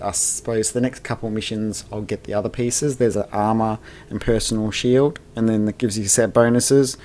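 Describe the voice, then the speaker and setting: A man giving relaxed commentary while playing a video game, sometimes reading the dialogue aloud. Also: lowish voice, a little hiss or hum. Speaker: let's play gamer. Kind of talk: casual gameplay commentary.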